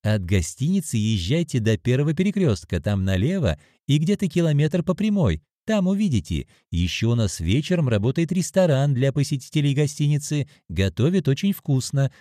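A man's voice: mid-range voice, big pitch swings, normal speed, hardly any pauses, dark tone, no echo, studio quality, voice pushed up, lightly acted. A man voicing a stern young female hotel receptionist in a storybook reading, speaking in a prim, matter-of-fact way.

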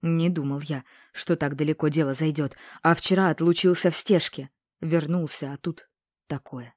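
Gruff, weary village headman, male, woman reader doing the voice low and quiet. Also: fairly even intonation, normal speed, dry recording, clean studio sound.

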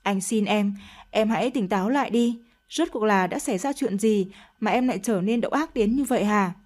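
A woman's voice: mid-range voice, normal speed, darkish tone, natural voice. A woman voicing a heartbroken older husband who pleads with his wife in a read-aloud story. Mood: pleading. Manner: pleading, reproachful. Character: middle-aged man, heartbroken old husband pleading.

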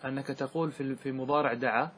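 A man, a sheikh, teaching a class on Arabic grammar, reciting verse slowly and checking whether students follow. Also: mid-range voice, fairly even intonation, fairly bright tone, slight background noise. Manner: asks students rhetorical checks like "clear?". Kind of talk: classroom lesson explaining verse.

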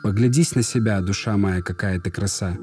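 A man reading a fairy tale aloud, voicing a brave young man who speaks gently and firmly to reassure. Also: on the low side, moderate pace, faint music behind, lightly acted. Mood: tender.

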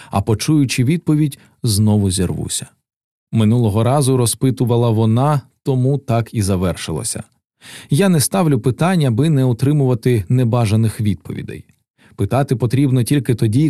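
A man narrating a first-person audiobook passage in a calm, reflective way. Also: mid-range voice, dry recording, studio quality.

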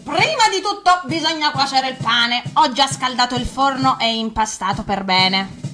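A woman's voice: high voice, lively intonation, normal speed. A woman voicing a sly, wicked old witch in a radio fairy tale reading, crooning in a put-on crone voice. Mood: wheedling. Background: music.

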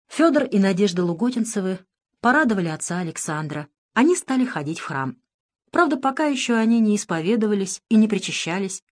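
Brief: a woman audiobook narrator, measured and even, middle pitch. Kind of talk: scripted narration.

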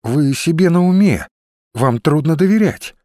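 A man reading an audiobook, voicing a brisk, bossy young woman who gives firm orders. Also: expressive, mellow, dry recording, studio quality. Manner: raised pitch, firm and commanding.

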